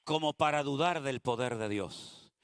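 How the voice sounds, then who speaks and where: A man preaching a sermon as pastor, moving between hushed prayer-like passages and rising, emphatic exhortation. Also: mid-range voice, a little slow, clear, resonant tone, dry recording, clean studio sound.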